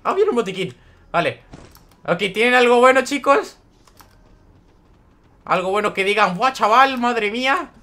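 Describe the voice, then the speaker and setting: A young man talks through a live game stream, greeting viewers by name and reading their chat out as he plays. His voice sits high and bright, light and forward. He keeps up a loose, friendly patter. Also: animated, measured pace, long pauses. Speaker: gaming streamer.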